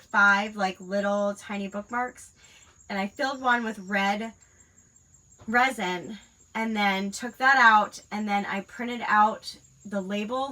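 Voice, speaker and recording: This crafting livestream host, a mom with school-age children, sounds stuffed up from a cold, her mid-range voice pushed and bright. She rambles casually with plenty of fillers while crafting, captured on a low-quality recording.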